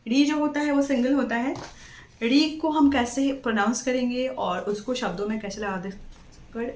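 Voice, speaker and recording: A woman's voice: fairly high pitch, normal speed, a little mellow. Patient woman teacher in an echoey room. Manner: patient, stresses each word, repeats and checks with "ठीक है". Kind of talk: children's lesson on letters. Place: classroom.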